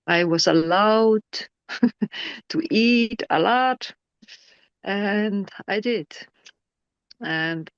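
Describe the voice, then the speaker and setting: Slow, halting woman on dull audio. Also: lowish voice, dry recording. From Iceland. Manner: halting, with many fillers and restarts; non-native English grammar. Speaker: interview guest. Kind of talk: personal testimony.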